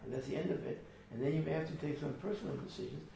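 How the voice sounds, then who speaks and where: A man's voice: on the high side, lively intonation, racing, gravelly, dark tone. A man teaching a small group, earnest and emphatic, often repeating his phrases. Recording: echoey room from far off with faint noise.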